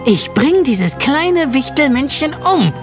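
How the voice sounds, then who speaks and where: An audiobook narrator voicing a blunt, fed-up older sister with a sharp, brusque way of talking. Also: high voice, big pitch swings, slow pace, music in the background, voice pushed up, exaggerated voice. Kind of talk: audiobook reading.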